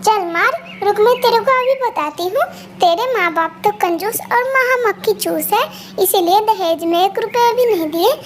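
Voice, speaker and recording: A woman's voice: extremely high pitch, moderate pace. A woman voicing a spiteful, greedy female crow mother-in-law in a cartoon, harsh and scolding. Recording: steady background noise.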